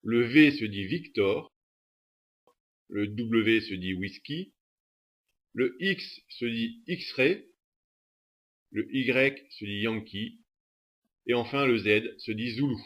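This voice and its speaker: Man calmly narrating a training lesson. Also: mid-range voice, slow, pauses often, highs cut off. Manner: steady, methodical delivery. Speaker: instructor. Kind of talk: scripted instructional narration.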